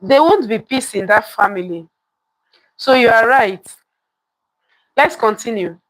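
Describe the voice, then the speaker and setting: Telling a folktale live to her viewers, this storytelling host repeats lines for emphasis and puts questions to the audience. She speaks on the high side with lively intonation and a measured pace, in a rough, echo-free recording.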